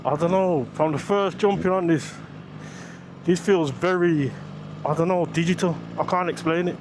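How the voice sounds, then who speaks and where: A British motorcycle vlogger rides along the road, thinking aloud in slangy, excitable, off-the-cuff commentary at a moderate pace and a fairly high pitch. His action camera mic picks up wind, engine noise and passing traffic.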